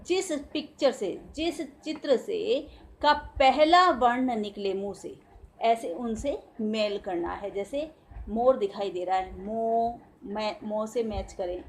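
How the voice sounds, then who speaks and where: A woman teacher with an Indian Hindi accent giving a recorded grammar lesson to young children, sounding out syllables slowly for them to repeat. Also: high voice. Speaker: school teacher.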